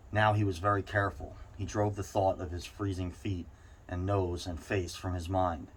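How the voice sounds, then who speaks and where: A man reading a short story aloud, now and then stumbling over a word and going back over it. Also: low-pitched. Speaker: reader. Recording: clear background noise.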